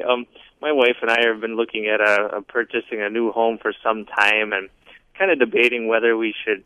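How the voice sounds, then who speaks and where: A man in his thirties calling into a radio show, asking his question hesitantly with many pauses and fillers, heard over a phone line. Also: lowish voice, bright, forceful tone, no room sound. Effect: phoning into a radio show, thin phone-line sound. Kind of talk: casual call-in question.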